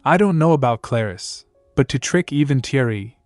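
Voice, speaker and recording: Brief: man reading as a worried young princess, earnest, mid-pitched, soft music faintly behind. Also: animated, normal speed, dry recording, natural voice. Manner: earnest, fretful inner thoughts. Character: anxious young princess, woman.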